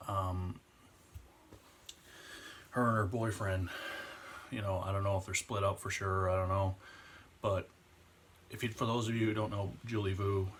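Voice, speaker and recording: A man's voice: low voice, level tone, a little hiss or hum. A man, speaking earnestly and emotionally in a personal vlog. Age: 20s. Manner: earnest, emotional, slows down on heavy points. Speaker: vlogger. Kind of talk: impassioned personal vlog rant.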